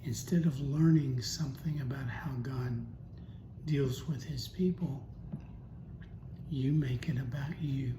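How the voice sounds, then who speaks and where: A man's voice: mid-range voice, slow. A man giving a casual Bible teaching talk, telling a story and asking rhetorical questions. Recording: echoey room with steady noise.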